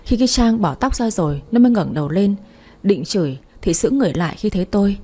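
A woman with a mellow, breathy, medium-pitched voice reads a first-person romance story aloud quickly, with lively intonation. She narrates the audiobook and voices every character's dialogue herself in one voice.

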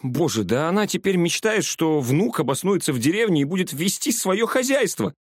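A man's voice: fairly high pitch, sing-song, normal speed, breathy edge, no echo, clean studio sound, pitched above the performer's own voice. A man voicing a tired young woman, a caring friend, in an audiobook. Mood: exasperated.

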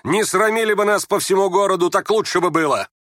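A sharp-tongued young man snaps and scolds in lively, rising bursts, as a male reader voices him. The sound is close and dry. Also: a little high, normal speed, dry recording, pitched above the performer's own voice. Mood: angry. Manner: scornful, snapping.

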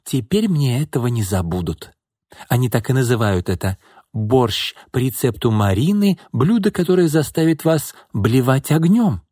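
Guy putting on a cheeky bossy young woman, higher voice, swoops all over, dry sound. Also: expressive, normal speed, dark tone, slightly rough, no room sound. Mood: grumbling. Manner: teasing, brash, commanding. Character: bold wisecracking young woman, sharp-tongued.

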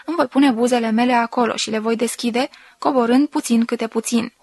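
A woman voicing a sensual woman who slowly and softly reads out an intimate love letter. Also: a little high, steady tone. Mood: intimate, tender. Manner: slow, soft, intimate reading.

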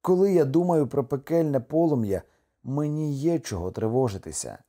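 A man's voice: lowish voice, animated, mellow. A man voicing a doomed, grieving husband. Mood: despairing. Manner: slow, heavy, mournful delivery. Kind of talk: audiobook character reading.

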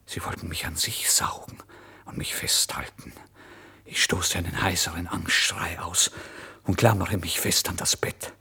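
In a dramatic radio play monologue, a man plays a starving, feverish, proud narrator on the edge of madness, intense and theatrical as he swings between hush and outcry. His lowish voice is creaky and husky, a full character voice, and he sounds terrified and feverish.

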